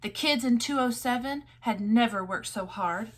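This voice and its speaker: A woman storyteller reads a children's picture book aloud with expression, adding chatty asides to her listeners. Her voice is a little high and her pace is moderate.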